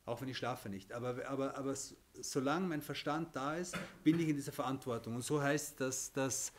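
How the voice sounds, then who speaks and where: A man's voice: mid-range voice, steady tone, a little fast, a little hiss or hum. A man teaching a religious lesson, explaining with everyday examples, often restarting and checking in with "okay?".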